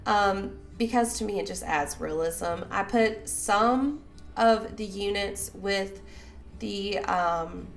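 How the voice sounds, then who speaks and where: A young Southern woman with a Southern American accent, sick and raspy-voiced, chatting loosely over a game build with lots of fillers. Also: medium pitch, takes it slowly. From Southern United States. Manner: rambling, chatty, many fillers. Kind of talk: casual voice-over commentary.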